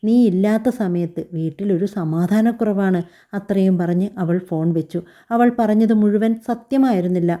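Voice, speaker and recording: A woman narrating a family story in an even, measured, scripted reading. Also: lowish voice.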